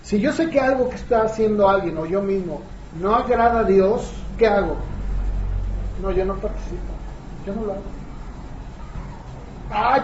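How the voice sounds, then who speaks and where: A man's voice: sits high, darkish tone, a little hiss or hum. A man preaching a conversational sermon, often asking the congregation rhetorical questions. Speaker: pastor. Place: church hall. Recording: echoey, dull lo-fi church room recording.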